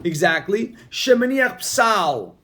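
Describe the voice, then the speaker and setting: Guy teaching talmud, pretty high voice, keeps repeating the same phrase, pushy and lively, calls on students. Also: slow pace. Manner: repeats key phrases over and over, drilling the point; energetic and emphatic, calling on students. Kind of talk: Talmud class reading and explaining text.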